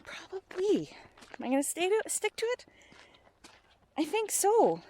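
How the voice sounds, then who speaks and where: Her voice is very high-pitched and a little mellow, swooping wildly in pitch while she talks a little slowly. A middle-aged vlogger, she rambles candidly and often questions herself with emphasis, filming on a phone held at arm's length.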